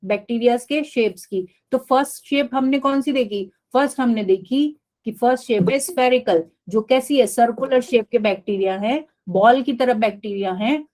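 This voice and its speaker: Woman teacher doing a live bio class online, kinda high voice, keeps asking the kids if they got it. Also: a little mellow. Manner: repetitive, checks in with students often. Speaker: biology teacher.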